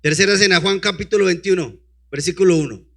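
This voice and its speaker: A man's voice: high voice, fast talker, creaky, a bit bright. A man preaching a sermon, reading scripture aloud and breaking in with rhetorical questions to the congregation. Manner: calls out to a helper to advance the slides.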